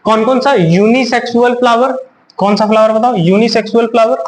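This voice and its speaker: A high-pitched male teacher in a recorded biology lesson, asking his students a question and then answering it himself, drilling each key term again and again. He slips English science words into his explanations and reads English textbook lines aloud. A faint noise sits behind him. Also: fairly even intonation, fairly quick, rough recording. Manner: asks questions and answers them himself, repeating key terms; mixes in English terms and reads English text aloud. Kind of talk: classroom lecture on a recorded video.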